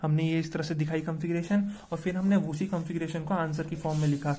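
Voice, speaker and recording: Mellow-voiced man teaching chemistry. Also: on the high side, steady tone, quick pace. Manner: repeats questions and answers them himself. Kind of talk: explaining a chemistry lesson.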